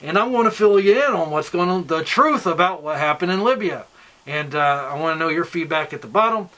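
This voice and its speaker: A man's voice: fairly high pitch, animated, fairly quick, bright, forceful tone. An American man giving informal political commentary straight to online viewers, insistent and explanatory, posing rhetorical questions.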